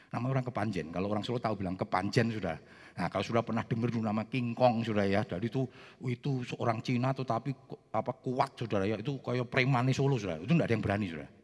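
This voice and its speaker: A man with a Javanese accent preaching a sermon, telling a personal story with animated asides to the congregation. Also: lowish voice. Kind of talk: sermon testimony. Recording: long reverb of a large hall.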